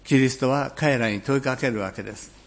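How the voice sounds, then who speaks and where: A male pastor giving a sermon in a measured, reflective way, slowing down on key phrases and clearing his throat now and then. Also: mid-range voice.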